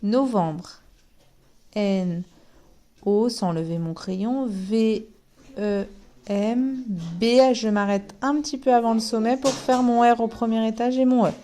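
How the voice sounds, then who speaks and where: A woman's voice: fairly high pitch, warm tone. A woman teacher giving a remote handwriting lesson, spelling out letters one at a time as she writes. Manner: slow, spells letters out one by one while writing.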